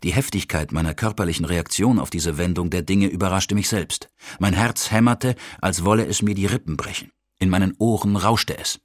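A man narrating a first-person audiobook in a measured, steady storytelling manner. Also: sits low, no echo, studio quality.

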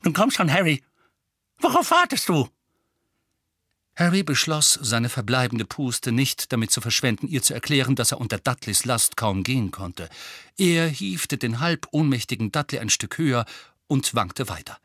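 A man reading a story aloud with vivid, animated narration. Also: mid-range voice, moderate pace, no room sound, studio quality. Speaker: audiobook narrator.

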